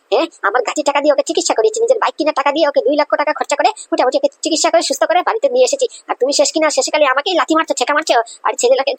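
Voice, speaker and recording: A woman's voice: high-pitched, no echo, natural voice. Woman playing a defiant, rebellious son. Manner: threatening, indignant, rapid. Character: defiant rebellious grown son, young man.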